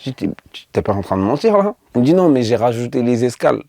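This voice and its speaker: A young man from Côte d'Ivoire talks through his stage anecdotes, slipping into the voices of the people in them. His tone is mellow and relaxed, at an everyday pitch. The sound is dry and close to the mic. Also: fast talker, creaky, no room sound. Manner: lively storytelling, acting out dialogue. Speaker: comedian guest. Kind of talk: casual interview chat.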